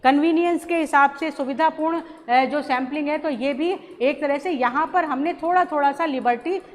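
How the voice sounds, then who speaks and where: A woman college lecturer giving a recorded lesson, explaining slowly with many pauses and restarts. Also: high voice. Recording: roomy hall echo, faint ambience.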